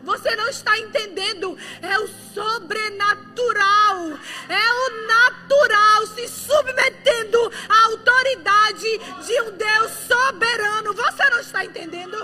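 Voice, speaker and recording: A woman's voice: very high-pitched, a little slow, over music. A woman preacher giving a fervent, emotional sermon, her voice often breaking with tears.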